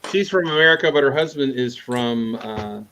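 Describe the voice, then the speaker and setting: A man's voice: mid-range voice, lively intonation, normal speed, sharp tone, highs cut off, a little hiss or hum. A man hosting a casual livestream chat, greeting viewers in the chat and telling stories. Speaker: host.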